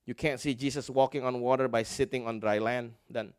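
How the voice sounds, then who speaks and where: A middle-aged man from Indonesia preaching an animated sermon, telling stories and mixing English phrases into his talk. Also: medium pitch, normal speed, smooth. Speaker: pastor. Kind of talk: sermon with storytelling.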